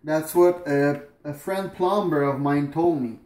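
His pitch is fairly high, his tone darkish, and he speaks a little slowly. He's a man in his thirties giving a chatty, halting kitchen demonstration at home at night, moving about as he works and peppering it with fillers and restarts. The audio comes from a distant camera on the counter and carries the kitchen's echo and faint room noise.

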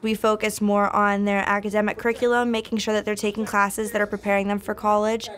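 A woman's voice: mid-range voice, level tone, fast, fairly bright tone. A woman on a support program's staff, speaking in a composed, informative way in a documentary interview. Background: music score.

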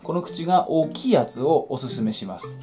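A man's voice: fairly high pitch, animated, brisk. A man, chatting casually and explaining in a folksy way as he works with his hands. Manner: folksy, explanatory, talking while working with hands. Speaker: home vegetable grower and demonstrator. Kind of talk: casual how-to chat while working. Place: small cluttered indoor shed or workroom. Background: plucked guitar music.

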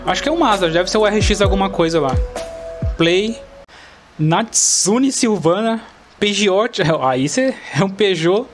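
A man with a Brazilian Portuguese accent giving chatty, excitable gameplay commentary to his viewers. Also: sits high, measured pace, soft background music. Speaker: gaming channel host. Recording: loud car and game sounds behind.

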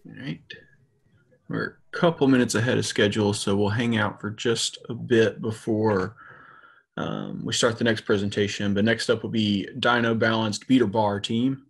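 A man's voice: on the low side, fairly even intonation, normal speed, gravelly, husky. A young man moderating a session casually and unscripted over a video call headset. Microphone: earphone headset on a video call.

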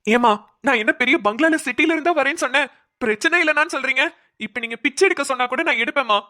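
A poor, humble young man in a homemade cartoon, voiced by a woman. He speaks politely and deferentially, in a voice pitched a little high. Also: fast, pushed and bright.

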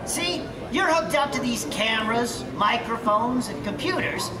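A woman voicing an encouraging female stage handler who coaxes a nervous robot, with a brisk, motherly manner. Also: fairly high pitch, expressive, distant mic. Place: large exhibit hall, played over speakers. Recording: echoey hall heard from afar with crowd.

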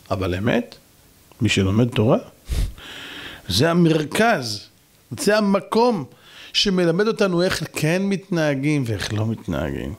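A man, a rabbi, preaching a sermon in an emphatic style full of rhetorical questions. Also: fairly high pitch. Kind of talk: sermon to a congregation.

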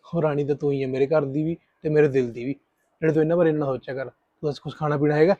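A man's voice: fairly high pitch, steady tone, quick pace, warm tone, dry recording, lightly acted. An actor playing a callous young husband who brushes off his first wife and sweet-talks his new one. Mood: offhand. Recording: dry, tinny phone-like sound.

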